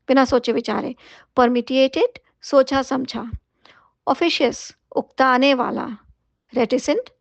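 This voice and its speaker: A woman's voice: high-pitched, creaky, no room sound. A woman teaching English vocabulary, reading out words one by one with their meanings and adding short asides on usage and pronunciation. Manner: steady, methodical word-by-word delivery with short asides. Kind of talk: reading out a word list with meanings. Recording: slightly dull, dry close sound.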